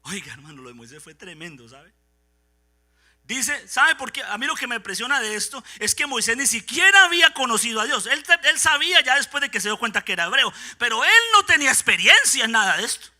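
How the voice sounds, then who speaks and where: A man delivers a fiery Pentecostal sermon in a church. His voice sits very high and sounds sharp and bright. He drops to quiet asides, then climbs into shouted preaching. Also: sing-song, fairly quick. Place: church sanctuary.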